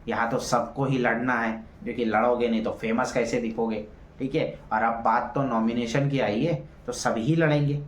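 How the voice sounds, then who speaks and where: A man's voice: mid-range voice, fairly even intonation, normal speed, a little hiss or hum. A young man giving casual, opinionated commentary as a reality show reviewer, often saying "theek hai" as he goes. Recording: roomy with faint ambience.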